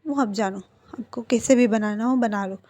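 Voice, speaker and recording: A woman's voice: on the high side, normal speed, warm tone, close to an everyday voice. Woman putting on a sulky young man. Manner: pouting, stammering.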